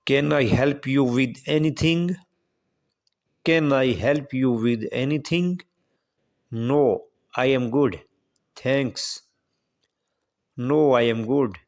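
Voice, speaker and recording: A man reading short question-and-answer practice dialogues for English learners, saying each line twice in a deliberate way. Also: mid-range voice, darkish tone. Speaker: English teacher.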